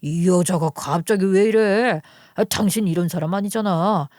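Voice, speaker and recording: A woman's voice: lowish voice, moderate pace, darkish tone, no room sound, studio quality, close to an everyday voice. A woman voicing an impatient grown-up husband who taunts his wife in a dramatized story reading. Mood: irritated taunting. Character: irritated husband, a grown man, mocking.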